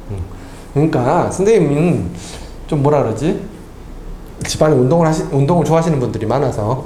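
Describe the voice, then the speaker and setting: Lively man quizzing a student. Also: mid-range voice, slight background noise. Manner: quizzing with constant tag questions. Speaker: math tutor. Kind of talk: tutoring lesson with casual chat. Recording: echoey room.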